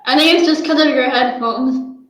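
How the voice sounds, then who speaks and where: A woman with a fairly high voice speaks over a call, sounding tinny as if inside a tin can. Her bare-walled bedroom makes the sound boom with echo. She answers plainly and matter-of-factly. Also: normal speed, a bit bright. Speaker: guest joining a livestream. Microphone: remote call into a livestream.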